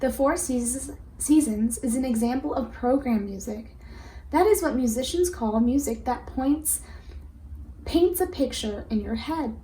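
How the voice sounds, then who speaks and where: A woman teacher reads a children's picture book aloud, explaining as she goes and prompting her listeners with questions. Her voice is high-pitched and warm, at a measured pace. The recording has a roomy echo and faint background noise.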